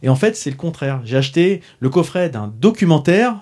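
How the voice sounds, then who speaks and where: A fairly high-voiced man, chatty host. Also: very animated, fairly quick, a little mellow. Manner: hesitant, many restarts and fillers. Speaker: podcast host reviewing a concert box set. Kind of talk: casual chat. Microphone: studio microphone.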